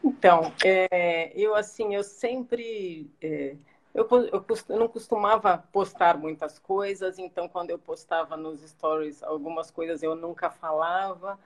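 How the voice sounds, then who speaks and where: A woman answering as a guest in a live interview over a video call, soft-spoken and hesitant with many restarts. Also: on the low side, measured pace.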